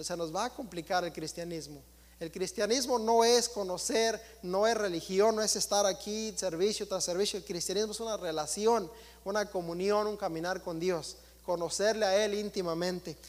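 A man's voice: high-pitched, in a large hall. A man preaching a sermon in church, emphatic and repetitive, often turning to address the congregation directly.

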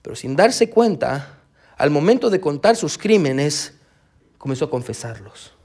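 A man's voice: on the high side, a little slow, breathy edge. A pastor preaching a sermon, telling a story with animation and calling his listeners brother. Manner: animated storytelling, acts out quoted voices.

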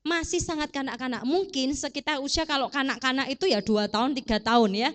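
A woman preacher giving a sermon in a casual, animated way, asking the congregation rhetorical questions. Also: high-pitched, fairly quick.

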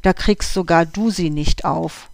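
A storyteller voicing Oskar, a calm and experienced male house cat who explains things patiently, in a dry recording. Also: mid-range voice, measured pace, creaky, dry recording.

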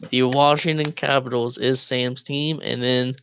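A man's voice: medium pitch, little pitch movement, a little slow, fairly bright tone, slight background noise. A young man co-hosting a casual podcast over a voice call, joking loosely and laughing often. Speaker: podcast co-host. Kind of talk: casual chat. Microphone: Discord voice call.

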